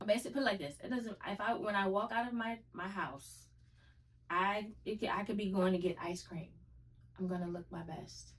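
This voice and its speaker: A woman's voice: medium pitch, brisk, far from the mic, low-quality recording. A woman guest telling her dating story in casual podcast chat, earnest and reflective.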